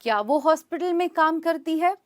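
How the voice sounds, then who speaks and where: A woman teaching a spoken English lesson. She explains in Hindi, reads the English example sentences slowly and clearly, and often checks in with her listeners. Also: very high voice.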